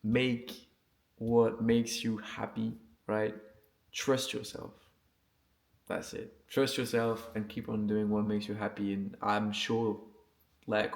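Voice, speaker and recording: He's a vlogger and music producer for whom English is a second language, with a lowish, gravelly, a little mellow voice. His unscripted talk to camera is casual, earnest, peppered with slang and swearing, and punctuated by frequent check-ins.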